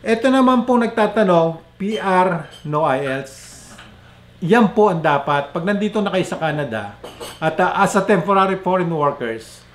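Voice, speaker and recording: A Filipino man with a Filipino accent vlogging in a chatty explainer style, mixing English and Filipino and giving shoutouts to viewers, his voice rising and falling in pitch and loudness. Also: lively intonation, normal speed. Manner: pitch and loudness swing up and down a lot. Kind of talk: casual vlog explainer. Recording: echoey room with faint background noise.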